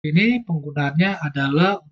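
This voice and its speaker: A man's voice: a little high, normal speed, dull audio. A man teaching an online language lesson, explaining patiently step by step.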